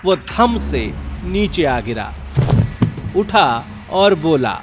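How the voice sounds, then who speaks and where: A man's voice: on the high side, sing-song, drawn-out words. A man narrating a ghost story in a wry, jokey scripted style. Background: music.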